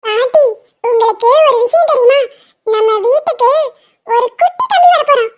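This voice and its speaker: Cartoon little girl, bright and chatty, squeaky high sing-song voice, acted by a woman. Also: lively intonation, normal speed. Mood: excited. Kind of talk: animated story voice acting.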